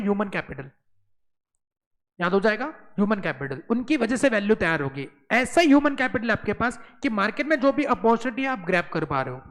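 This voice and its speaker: A man's voice: sits high, a bit bright, big-room sound, low-quality recording. A man from Maharashtra, India, teaches an exam class, slipping back and forth between Hindi and English. He keeps firing rhetorical questions at his students and drills key terms. His tone stays playful and teasing. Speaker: accounting exam tutor. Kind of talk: classroom lecture.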